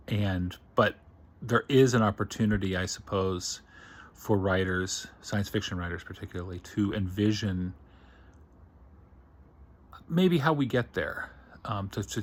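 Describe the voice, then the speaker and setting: A science fiction writer thinking aloud in a casual, digressive monologue. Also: male voice, fairly low pitch.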